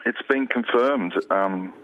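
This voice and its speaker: A man from New Zealand, a guest on a radio show, talking with emotion, halting and restarting often. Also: lowish voice, lo-fi sound, a little hiss or hum. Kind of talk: phone interview on radio.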